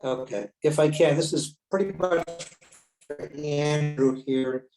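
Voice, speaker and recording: A man's voice: fairly high pitch, slow pace, mellow, a little hiss or hum, rough recording. A man speaking plainly at a town commission meeting over a video call, his audio breaking up and cutting in and out. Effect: choppy video-call audio breaking up. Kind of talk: plain-spoken meeting remarks.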